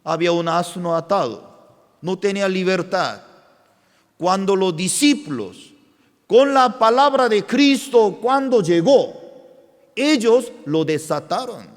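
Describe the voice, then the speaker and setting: Korean-native pastor guy preaching, slow and emphatic, high swinging voice, big echoey church hall. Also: expressive. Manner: emphatic, repetitive preaching with soft reflective asides. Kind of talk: sermon. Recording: long hall reverb.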